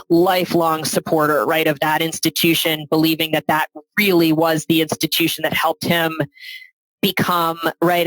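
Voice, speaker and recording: A woman's voice: deep voice, poor audio. A middle-aged woman speaking as a guest in a podcast interview, talking reflectively and often adding "right?" to her sentences. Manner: reflective, adds frequent "right?" tag questions. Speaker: guest, philanthropy advisor.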